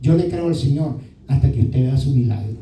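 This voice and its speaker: A man's voice: medium pitch, animated, a little fast, dark tone. Distant, roomy male pastor preaching. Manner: often adds "¿verdad?" as a tag question. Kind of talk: sermon.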